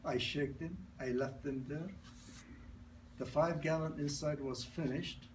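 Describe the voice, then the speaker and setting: Far from the mic in a low-quality recording with slight background noise, a man speaks in a fairly high, steady voice at a measured pace. He's a product presenter in his sixties who grew up in New York and has a non-native accent, delivering an informal sales presentation with broken grammar, repetition, restarts and stories.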